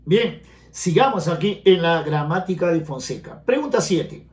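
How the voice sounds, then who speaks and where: Male grammar teacher, high voice, explanatory, echoey room. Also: animated, normal speed. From Peru. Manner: explanatory, asks students frequent check questions. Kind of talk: exam-prep grammar lesson.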